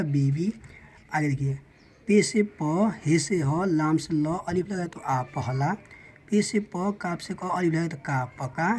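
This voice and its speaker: A woman's voice: on the low side, darkish tone, a little hiss or hum. A woman teaching a beginners' reading lesson, patiently sounding out each letter and word step by step. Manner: patient, sounds out letters slowly, repeats "theek hai".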